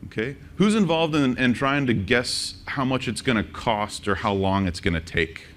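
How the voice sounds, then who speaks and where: A man presenting a conference workshop, joking and quizzing the audience with quick questions. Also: mid-range voice, lively intonation, fairly bright tone. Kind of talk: interactive conference talk. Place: conference session room.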